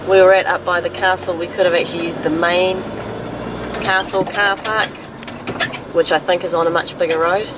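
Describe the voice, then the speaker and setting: A middle-aged travel vlogger with a New Zealand accent chats casually to the camera. Her voice is on the low side with little pitch movement and a normal speed, and the location sound is noisy, from outdoors and a vehicle.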